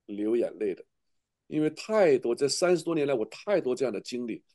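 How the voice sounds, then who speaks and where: Male pastor, middle-aged, earnest heartfelt sermon, dark mellow tone, frequent restarts. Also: medium pitch.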